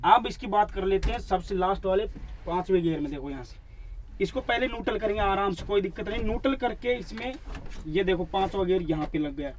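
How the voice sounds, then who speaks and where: Sitting in a truck cab as a driving instructor, a man gives a hands-on demonstration, explaining each part step by step and repeating the terms for viewers. He talks a little fast in a high, animated voice, and the recording's highs are cut off.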